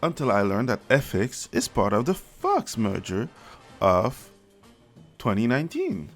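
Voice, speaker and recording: Male video commentator with a gravelly, unhurried delivery, blunt and sarcastic. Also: mid-range voice, wildly swooping pitch. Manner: blunt, sarcastic, swears freely, laughs mid-sentence. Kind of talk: casual opinion commentary. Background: background music.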